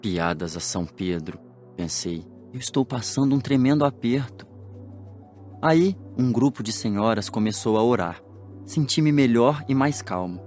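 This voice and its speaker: Give me a man voicing a good-humored dead man recounting his passing, with soft music behind. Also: mid-range voice, moderate pace, close to an everyday voice. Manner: lively storytelling with jokey asides. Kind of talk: audiobook drama acting.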